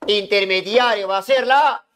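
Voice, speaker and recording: A man lecturing a classroom as economics teacher, hushing students and repeating himself to make points stick. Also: high-pitched, moderate pace, a little hiss or hum. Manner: keeps hushing and calling on students, repetitive.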